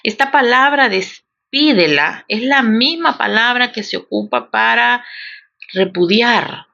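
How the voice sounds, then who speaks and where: A woman's voice: fairly high pitch, slow pace, vocal fry, sharp tone. A woman preacher from El Salvador with a Salvadoran Spanish accent, teaching from the Bible in a conversational way that repeats words and often asks "right?". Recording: dull lo-fi recording.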